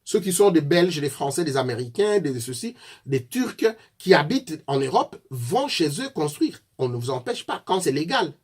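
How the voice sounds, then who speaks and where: A man's voice: on the high side, very animated, normal speed, husky. A man from Congo with a Congolese French accent gives a fiery political address, accusing his opponents directly. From Congo (DRC). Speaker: political activist.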